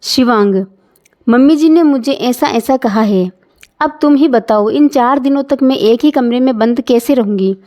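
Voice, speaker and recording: A woman voicing a calm young working wife who argues her point patiently, in a storybook reading. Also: fairly high pitch, moderate pace, close to an everyday voice. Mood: worried. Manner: calm, reasoning.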